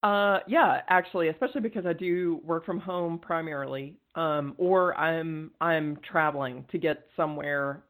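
A woman talking as a guest on a podcast, in an earnest, energetic way and quick to laugh. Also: low-pitched, poor audio. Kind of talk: casual interview conversation.

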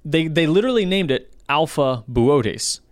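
A man co-hosting a casual podcast chat, getting animated and jumping up in pitch when excited. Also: moderate pace, dry recording, studio quality. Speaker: podcast co-host.

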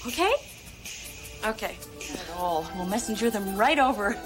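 An actress playing a demanding older woman who is an office boss in a film, speaking in a brisk, businesslike way. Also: medium pitch, animated, lightly acted. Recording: film soundtrack with music underneath.

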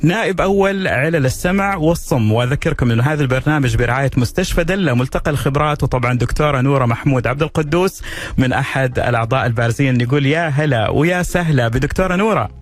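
A man's voice: medium pitch, rapid-fire. A male radio host, welcoming a guest and asking her questions plainly on a talk show.

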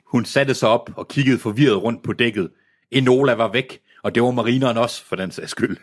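A man's voice: mid-range voice, slightly rough. A man reading a novel aloud in a casual way, stumbling now and then and breaking off with self-mocking asides. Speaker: reader.

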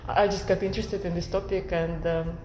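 A woman's voice: on the low side, level tone, brisk, mellow, reverberant, slight background noise, rough recording. A woman from Kazakhstan, a guest academic in an interview, talking thoughtfully with many fillers and restarts. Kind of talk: conversational interview.

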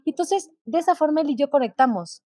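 A woman, co-hosting a podcast and talking candidly in a lively, conversational way. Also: high voice, brisk, dry recording, clean studio sound. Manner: candid, animated storytelling with quoted asides. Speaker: podcast co-host. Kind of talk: casual conversation.

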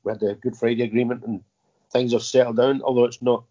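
A man in his fifties, an army veteran, answering interview questions in a halting way with many fillers and repeated words. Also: medium pitch, flat delivery, mellow. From Scotland. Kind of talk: casual interview. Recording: muffled lo-fi audio.

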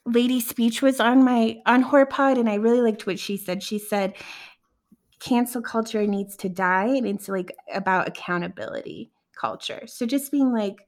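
Candid, reflective woman co-host in loose podcast chat, slightly high voice. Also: normal speed. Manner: candid, reflective, lots of "like" fillers. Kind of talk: casual chat.

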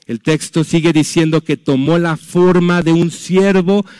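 A man preaching a sermon, telling stories dramatically and dropping to a hush for emphasis. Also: a little high, no echo. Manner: dramatic storytelling with sudden drops to a hush. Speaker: pastor.

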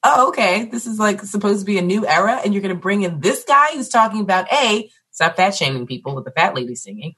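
Woman, husky tone, lively swooping pitch, emphatic and sardonic, casual political chat. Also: fast, few pauses. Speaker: panelist, teacher.

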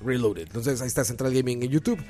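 A man's voice: medium pitch, fast talker, mellow. A man with a Mexican accent, co-hosting a podcast in joking, slang-filled casual banter. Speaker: podcast co-host. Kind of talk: casual chat.

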